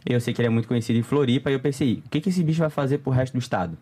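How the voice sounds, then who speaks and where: A man's voice: mid-range voice, very fast, noisy background. A young man, chatting casually as a podcast guest, full of slang and frequent laughter. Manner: slangy, laughs often, animated storytelling.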